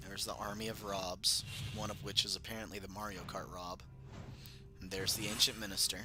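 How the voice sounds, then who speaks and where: A young man reads aloud a book he wrote as a child, breaking off into self-mocking, rambling asides as he goes. His voice is on the low side, level in tone, and a little fast.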